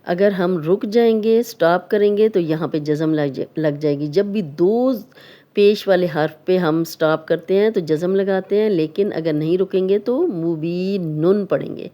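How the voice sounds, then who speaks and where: A woman with a Pakistani Urdu accent teaching Quran recitation, explaining each rule patiently step by step and drawing out recited words slowly. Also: on the low side, highs cut off. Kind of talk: Urdu tajweed lesson, explaining and demonstrating recitation.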